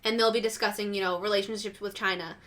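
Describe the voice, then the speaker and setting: A woman's voice: medium pitch, fairly even intonation, quick pace, fairly bright tone. A woman co-hosting a casual pop-culture podcast, rambling with lots of "like" and acting out reactions in quotes. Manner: rambling, heavy use of "like", acts out reactions in quotes. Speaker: podcast co-host.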